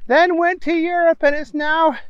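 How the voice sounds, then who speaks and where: A man voicing a perky TV newswoman reading the news in a high, bright tone. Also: level tone, moderate pace, no echo, dull audio. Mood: chirpy. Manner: bright, chirpy newsreader delivery. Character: perky TV newswoman, adult woman.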